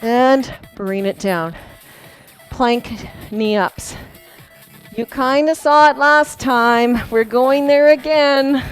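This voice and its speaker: A woman's voice: high-pitched, slow pace, clean tone, low-quality recording. A woman fitness instructor leading a core workout class, chatty and encouraging and laughing often, demonstrating moves as she talks. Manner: demonstrating moves while talking. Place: fitness studio. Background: background workout music.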